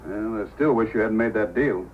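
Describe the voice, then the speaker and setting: An actor playing a steady, authoritative but friendly male Mountie sergeant in an old-time radio drama. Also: lowish voice, normal speed, a little hiss or hum, lightly acted. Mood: steady, concerned. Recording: dull old radio recording with music.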